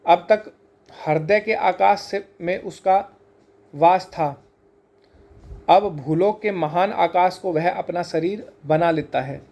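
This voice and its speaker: A man giving an explanatory scripture lesson, measured, slowing down to spell out sacred terms one by one. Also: high voice, a little mellow. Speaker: teacher of Vedic scripture.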